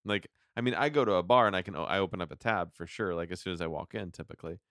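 A man's voice: low voice, very fast, fairly bright tone, no room sound, studio quality. A man co-hosting a recap podcast in loose, conversational chat. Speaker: podcast co-host.

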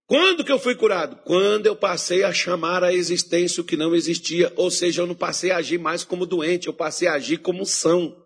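A male pastor delivering a sermon in a fairly high, husky voice. He builds his points into emphatic, rising exhortations aimed at the congregation. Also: fairly quick, a bit bright.

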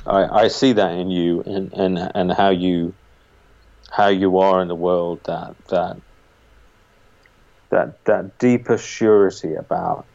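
This British interviewer has a low, creaky, slightly mellow voice with fairly even intonation, taking his time and leaving long pauses. His casual questions form tentatively through circling repetitions. The sound quality is dull and band-limited.

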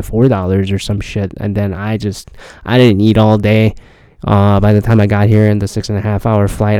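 On his solo podcast about travel, a weary host rambles and swears casually, often restarting his sentences. His lowish voice is mellow, clear and resonant, captured in a dry recording.

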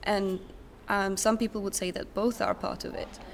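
This young Czech interview guest, a recent graduate, responds in English thoughtfully, with some hesitation and a conversational feel. Her creaky mid-range voice keeps fairly even intonation at a moderate pace. The conference-center recording picks up ambient noise and a sound check in the distance.

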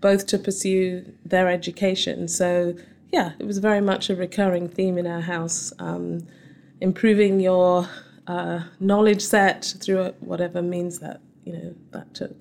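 Lower-voiced southern English woman, home counties accent. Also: level tone, a little slow, vocal fry, a little mellow. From Surrey, southern England. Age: middle-aged. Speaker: interview guest, company chief scientist. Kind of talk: conversational interview answers about personal background.

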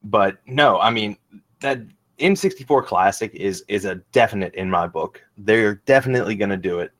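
An easygoing man on a gaming podcast, talking in a somewhat low voice. He restarts often and hedges as he works through his thoughts. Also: normal speed, fairly bright tone. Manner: easygoing, hesitant starts. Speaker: podcast co-host. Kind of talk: casual gaming chat.

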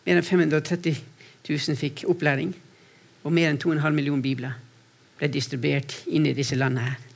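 A man preaching a sermon to a congregation, earnest and storytelling, often restarting phrases and moving between quiet and raised delivery. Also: on the high side, level tone, vocal fry. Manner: earnest, repeats words when restarting, shifts between soft and raised voice. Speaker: preacher speaking for a mission to persecuted Christians. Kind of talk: sermon with personal stories.

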